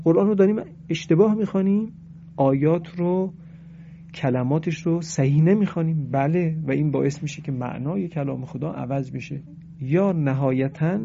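A man giving a religious lesson on Quran recitation, explaining pronunciation and chanting verses slowly. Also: on the high side, gravelly, dark tone, dull audio, a little hiss or hum.

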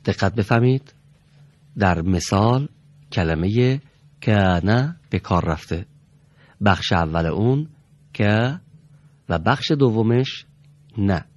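A man's voice: fairly low pitch, lively intonation, pauses often, no echo, dull audio. A man teaching a Quran reading class, politely calling on students and patiently correcting how they pronounce each letter. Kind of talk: classroom recitation lesson.

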